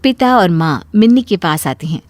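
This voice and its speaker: A woman's voice: fairly low pitch, expressive, normal speed, dry recording. A woman narrating a moral story for a cartoon in a plain storytelling manner.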